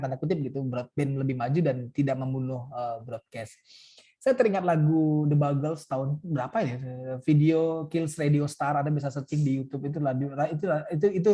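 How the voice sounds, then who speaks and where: A man's voice: a little high, warm tone. A man speaking as guest in a webinar, casual and joking, with many fillers, over a video call. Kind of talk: webinar talk.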